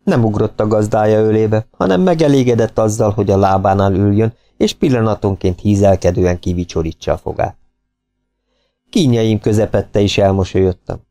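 Male audiobook narrator, low gravelly dark voice, measured and wry.

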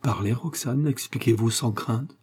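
Storybook lover: male reader as a gallant young nobleman, tender, hushed, mellow. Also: mid-range voice, unhurried, breathy edge. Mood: earnest.

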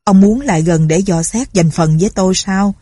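A woman's voice: medium pitch, normal speed, warm tone, breathy edge, no room sound, clean studio sound, lightly acted. Woman voicing a harsh, menacing bandit chief. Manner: harsh, scolding, threatening. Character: ruthless suspicious male bandit chief.

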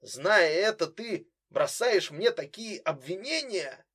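A man's voice: high voice, lively intonation, takes it slowly, a bit bright, voice pushed up, full character voice. A man voicing an anguished brother who earnestly pleads with his sister in an audiobook. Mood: pleading.

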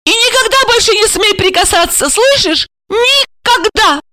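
A shrieking, hysterical young wife, her voice flung far above the reader's own and loud. She screams her accusations in near-sobbing fury, in a storybook reading with a crisp, dry sound. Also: extremely high pitch, expressive, a little slow, no room sound, pitched above the performer's own voice, full character voice.

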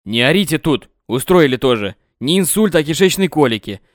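A man's voice: on the high side, lively intonation, a little fast, no echo, studio quality, close to an everyday voice. A man voicing a brusque, impatient male doctor who snaps at people. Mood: irritated. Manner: curt, snapping.

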